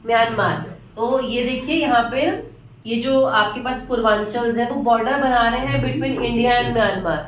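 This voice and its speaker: Woman teacher, mix, kinda high voice, faint hum behind, repeats stuff, asks and answers herself. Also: normal speed. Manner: repeats key terms, asks and answers own questions. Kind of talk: classroom lecture at a board. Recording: echoey room from far off.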